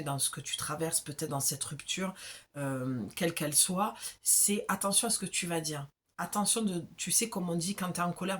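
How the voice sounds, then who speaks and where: A woman from the south of France with a southern French accent gives a casual, chatty spiritual oracle card reading to the viewer. She keeps checking in with the listener as she talks. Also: fairly low pitch. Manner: chatty and familiar, with frequent check-ins.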